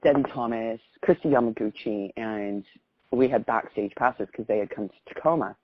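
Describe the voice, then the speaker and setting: A middle-aged American woman on a phone call tells a personal story in a casual, effusive, rambling way. Her voice is very deep and her pace normal. The call recording sounds muffled, with a little hiss or hum.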